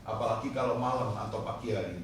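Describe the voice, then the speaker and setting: Impassioned preacher in an echoey hall. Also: male voice, fast. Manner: impassioned, swings from low hushed tones to loud cries. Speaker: pastor. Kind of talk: sermon. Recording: echoey hall from far off, faint noise.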